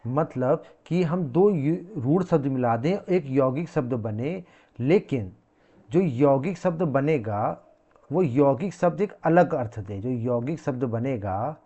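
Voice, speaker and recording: A man's voice: mid-range voice, expressive, takes it slowly, dark tone, highs cut off. A man giving a classroom lecture, repeating key words and asking the class questions he then answers himself. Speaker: teacher.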